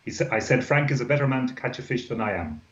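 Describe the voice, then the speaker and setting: A man in relaxed, chatty conversation, coming through a buzzy, glitchy video call that drops out. The line sounds dull and lo-fi, with a roomy echo around his mid-pitched voice. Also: quick pace. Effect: buzzy, glitchy video-call audio that breaks up. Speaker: co-host. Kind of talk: casual live chat.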